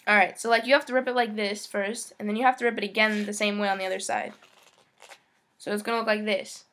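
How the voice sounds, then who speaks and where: A woman's voice: mid-range voice, flat delivery, fast talker, fairly bright tone. Teen girl vlogging at home, cusses a ton, chatty n frustrated. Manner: swears a lot, frustrated and chatty. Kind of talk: casual vlog.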